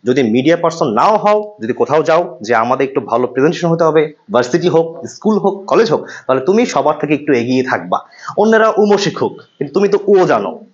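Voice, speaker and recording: A man from Bangladesh leads a pronunciation class, his voice sitting a little high. He drills each sound aloud and keeps asking the class if they follow. The classroom recording is slightly muffled. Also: sing-song, brisk. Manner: drills sounds aloud with repetition and quiz questions. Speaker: pronunciation instructor. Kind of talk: classroom lesson.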